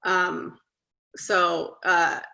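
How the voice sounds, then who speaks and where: A woman's voice: lowish voice, flat delivery, very slow, vocal fry, pushed and bright. A woman in her thirties, a guest parent telling her story in a casual interview, chatty and earnest, acting out the conversations she recalls. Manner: chatty, with frequent "like" and "you know".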